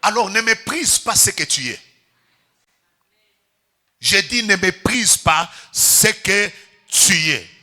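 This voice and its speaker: High, lively Congolese pastor preaching. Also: male voice. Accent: Congolese French. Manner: preaching with emphatic drawn-out words and call-and-response to the congregation. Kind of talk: sermon. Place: church.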